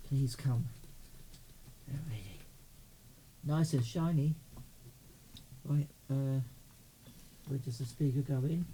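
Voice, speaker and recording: A middle-aged man, a hobbyist presenter, unboxes a CB radio hands-on, chatting casually and muttering to himself. His voice is mid-range and mellow. The recording is rough, with clear background noise.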